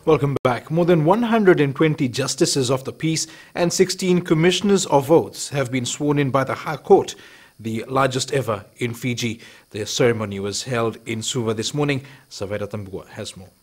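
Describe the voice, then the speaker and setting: A man's voice: medium pitch, normal speed. A man reading scripted news as an anchor.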